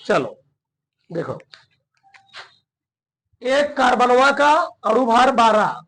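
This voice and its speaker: A man's voice: very high-pitched, big pitch swings, drawn-out words, fairly bright tone, low-quality recording. A man teaching a chemistry lesson, working through a problem in a colloquial way and often checking that his students follow.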